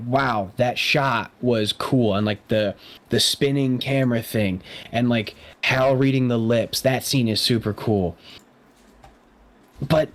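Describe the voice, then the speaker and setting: A young man co-hosting a movie podcast, his pitch swinging widely up and down as he rants. He sounds sarcastic and exasperated in casual chat. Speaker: podcast co-host.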